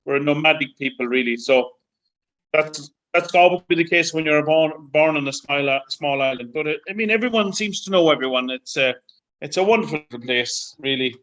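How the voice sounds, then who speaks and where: A man with an Irish accent, from Ireland, talking in a relaxed, chatty way as a guest on a remote interview from his home. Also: a little high, moderate pace, poor audio. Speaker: guest singer. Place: home in Florida.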